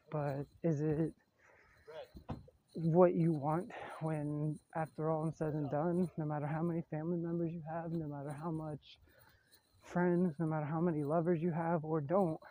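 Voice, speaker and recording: A man's voice: a little high, dark tone, a little hiss or hum, low-quality recording. A young man giving an earnest, rambling self-help monologue outdoors, recorded on a phone, swearing casually. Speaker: vlogger. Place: outdoors near frogs.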